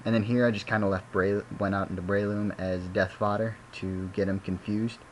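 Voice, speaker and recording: A man's voice: on the low side, little pitch movement, normal speed, a little hiss or hum, rough recording. A young man casually talking over his own game battle, rambling and correcting himself as he goes. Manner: rambling, self-correcting, chatty. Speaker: gaming commentator.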